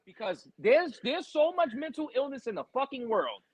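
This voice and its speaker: A young man hosting a podcast, telling a story in a loud, profane rant and acting out what people said. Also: very high-pitched, normal speed, dry recording, rough recording. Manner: animated, profane, loud outbursts acting out quotes. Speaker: podcast host.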